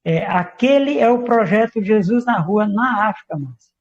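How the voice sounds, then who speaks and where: Fervent high-voiced preacher with gravelly edge. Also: male voice, lively intonation, moderate pace. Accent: Brazilian Portuguese. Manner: fervent, repeating "Pai" and "Senhor" between phrases. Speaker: apostle preaching. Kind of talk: sermon with prayer. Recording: dull lo-fi livestream audio.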